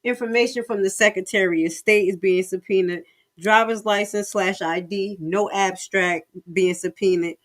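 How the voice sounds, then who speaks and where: An American woman hosting a stream reacts live in a medium-pitched, fairly even voice at a moderate pace. She is casual and colloquial, drawing out words for emphasis and exclaiming often.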